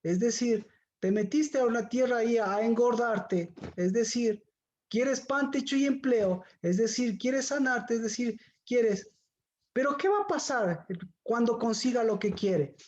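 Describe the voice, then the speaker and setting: A woman's voice: on the high side, expressive, a little slow, a little mellow, lo-fi sound. A woman giving a Bible teaching, firing rhetorical questions at her listeners.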